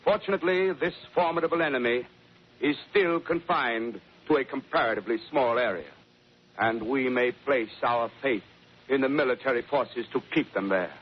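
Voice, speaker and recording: A man playing a solemn government secretary, giving a measured, formal, oratorical address in a 1930s radio drama. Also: medium pitch, husky, close to an everyday voice. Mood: solemn, resolute. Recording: muffled, noisy vintage 1930s radio.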